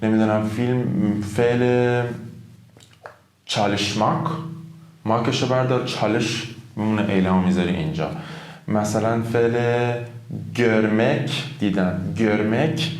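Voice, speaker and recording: A man teaching a casual language lesson at a whiteboard, chatty and improvising, telling his viewers to repeat after him. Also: on the low side. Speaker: Turkish teacher. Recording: roomy echo.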